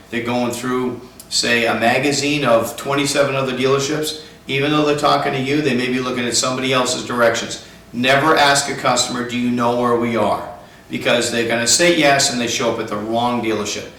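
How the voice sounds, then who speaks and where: A car sales trainer with a medium-pitched, slightly bright voice delivers an instructional talk, laying things out emphatically one step at a time. The mic is distant, the room echoes, and there is faint noise.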